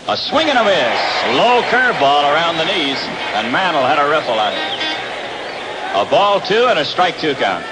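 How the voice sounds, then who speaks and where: Unhurried and sing-song, a higher-pitched American man calls a live baseball game from an outdoor park. The 1960s radio broadcast is noisy, and loud ambient ballpark sound fills the background.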